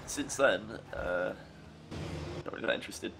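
A young man streaming a game, chatting casually and reacting with animated, joking remarks. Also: low voice, moderate pace, gravelly, noisy background. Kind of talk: casual chat while gaming. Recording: game music playing behind the voice.

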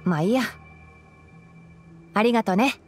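In a Japanese video game, a woman voices a young male forest ranger and scholar with fox ears, calm and principled, speaking in a measured, articulate manner. Her medium-pitched, lightly acted delivery is gentle, with soft music playing in the background.

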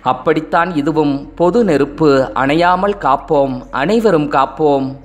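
A man narrates a novel as an audiobook, reading in a measured, poetic way. His voice is somewhat high for a man. The reading is steady and deliberate.

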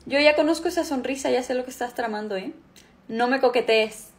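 A woman's voice: sits high, fairly quick. A woman voicing an easygoing middle-aged father who teases and flirts with a laid-back drawl. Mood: flirty.

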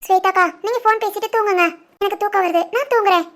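A woman voicing a chatty, cheeky schoolgirl in an animated family drama, with a squeaky, chirpy voice. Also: fast talker.

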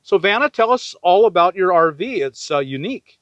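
A man's voice: high voice, lively intonation, a little fast, no echo, muffled recording. An older man hosting a casual interview outdoors, affirming and reflective in the way he talks. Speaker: interviewer, host. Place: outdoors on open desert gravel lot.

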